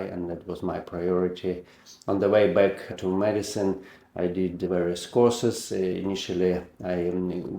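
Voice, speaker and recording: Deep-voiced Ukrainian-accented middle-aged man. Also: mellow, reverberant. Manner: measured, restarts words, slightly non-native phrasing. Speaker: heart and lung surgeon. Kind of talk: personal career account.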